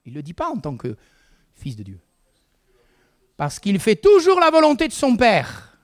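Male preacher, high voice, animated swings, conversational sermon with asides. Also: a little slow.

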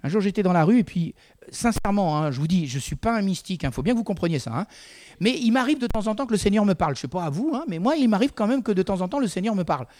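A man's voice: sits high, lively intonation, fast, a little mellow. A man preaching a sermon in a conversational way, with frequent asides to the congregation.

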